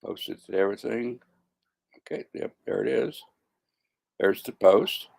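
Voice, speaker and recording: Gravelly-voiced man in his seventies. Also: fairly low pitch, unhurried, darkish tone. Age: 70s. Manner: stumbling, repeats and corrects himself. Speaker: vlogger. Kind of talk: casual monologue to camera.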